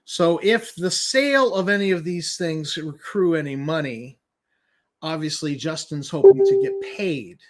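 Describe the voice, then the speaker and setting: Emphatic, higher-pitched man giving skeptical commentary. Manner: emphatic, repeating key points; incredulous, skeptical. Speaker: commentator host. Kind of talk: informal commentary reading through a document.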